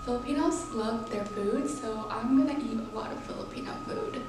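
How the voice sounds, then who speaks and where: A woman telling a playful, animated story in an interview. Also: a little high, normal speed. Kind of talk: casual storytelling answer. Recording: echoey room. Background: music.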